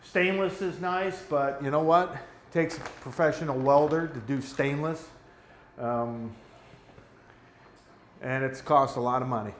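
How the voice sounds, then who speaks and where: A man in his fifties giving a relaxed, practical walkthrough of his brewery's plumbing, pointing out pipes as he goes. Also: mid-range voice, measured pace, pauses often. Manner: relaxed, practical, pointing things out while talking. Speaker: brewery owner. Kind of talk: casual equipment walkthrough. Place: brewery floor among steel tanks, indoors. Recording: echoey brewery room with faint hum.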